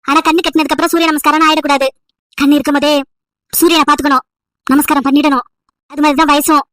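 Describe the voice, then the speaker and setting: A woman's voice: high voice, flat delivery, quick pace, a bit bright, dry recording. A woman doing a nagging old grandmother. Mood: scolding. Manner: scolding, pleading, wailing complaints. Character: nagging old village grandmother, emotional, wants great-grandchildren.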